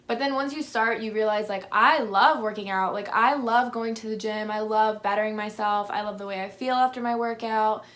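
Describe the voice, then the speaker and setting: In a fairly high, slightly bright voice with a steady tone, she talks at a moderate pace and barely pauses. A fitness vlogger in her twenties with a lisp, she runs a chatty Q&A to camera, full of "like" fillers.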